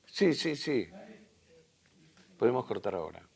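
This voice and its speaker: A hoarse man with an Argentine accent lecturing a university class, halting and restarting as he thinks aloud, with tag questions. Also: mid-range voice, sing-song. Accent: Argentine Spanish.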